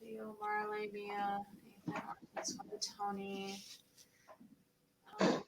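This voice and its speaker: A woman's voice: mid-range voice, sing-song, takes it slowly, vocal fry, noisy background. A woman leading a chatty, encouraging pre-show pep talk for her cast over a video call. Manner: chatty and encouraging, sings snippets. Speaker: theatre director. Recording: echoey room, distant from mic.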